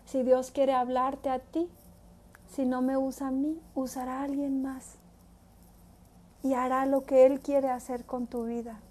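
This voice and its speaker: A woman with a fairly high but mellow voice reads scripture aloud and leads a prayer. She speaks in an earnest, gentle way and keeps her pitch flat and even. She slows down to repeat key phrases for emphasis. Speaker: Bible study host. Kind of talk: devotional Bible reading and prayer.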